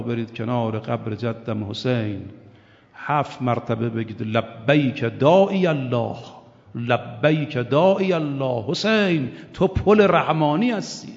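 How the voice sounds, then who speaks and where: A man's voice: mid-range voice, creaky. An older man preaching a sermon with passion, asking rhetorical questions and chanting quotations. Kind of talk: religious sermon. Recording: dull, reverberant hall.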